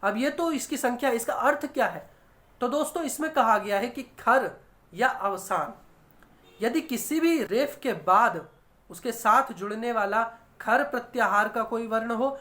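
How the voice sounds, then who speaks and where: A woman's voice: on the high side, unhurried, fairly bright tone. A woman teaching an online grammar lesson, explaining step by step and asking and answering her own questions. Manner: addresses viewers as friends, often says okay.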